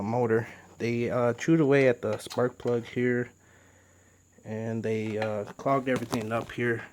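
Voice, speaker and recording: Relaxed man explaining a DIY project. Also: medium pitch. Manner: relaxed, chatty, step-by-step explaining with fillers. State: a little out of breath. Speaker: DIY boat builder. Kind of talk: casual how-to narration.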